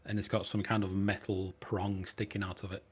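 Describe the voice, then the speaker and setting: A man's voice: low voice, flat delivery, normal speed, husky, soft background music. A man narrating a tabletop game as game master, rambling and hesitant.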